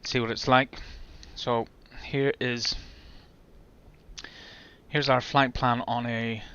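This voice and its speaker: Slow, chatty man at a flight sim. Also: mid-range voice, flat delivery, fairly bright tone, clean tone, muffled recording. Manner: chatty and unhurried, thinking aloud. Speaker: flight simulator streamer. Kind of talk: casual commentary while gaming.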